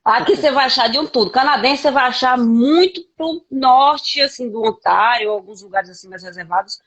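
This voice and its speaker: A woman from Brazil, a podcast guest telling her life story frankly in a halting way, with many restarts. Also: sits high, a bit bright, lo-fi sound. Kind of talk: candid conversational interview.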